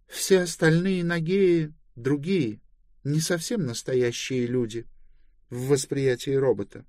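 A man voicing a self-assured young woman in an audiobook, answering with playful, sharp-tongued retorts. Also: mid-range voice, takes it slowly, dry recording, clean studio sound, close to an everyday voice. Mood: teasing. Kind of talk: audiobook dialogue acting.

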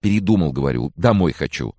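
A man voicing a panicky, defensive young man with shrill, indignant outbursts, as an audiobook character voice. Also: sing-song, quick pace, gravelly, darkish tone, dry recording, full character voice.

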